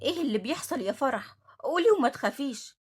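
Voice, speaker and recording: A woman's voice: high voice, expressive, fast talker, a little mellow. A woman reading a stern, motherly older orphanage head with an Egyptian accent. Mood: concerned. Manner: firm, scolding.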